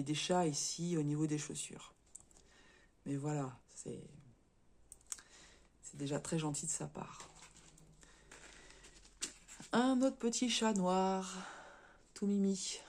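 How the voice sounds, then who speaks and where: A woman with a cold talks through a casual show-and-tell vlog, her voice a little hoarse, stuffy and short of breath. She speaks haltingly, stumbling over words, restarting sentences and tagging them with little fillers. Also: sits low, darkish tone. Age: adult, married. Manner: chatty, tags sentences with "hein". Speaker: crafts vlogger.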